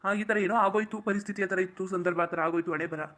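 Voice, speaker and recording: A performer doing a young husband in a cartoon who keeps reassuring his wife in a soothing way. He speaks very fast at a mid pitch. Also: steady tone, a bit bright, natural voice. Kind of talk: cartoon voice acting.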